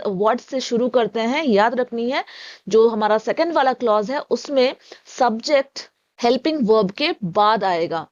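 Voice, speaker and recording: A woman with a fairly high voice teaches English grammar, explaining patiently. She reads every example sentence slowly and deliberately. The audio is a little dull and lo-fi. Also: a little mellow. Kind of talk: spoken English lesson.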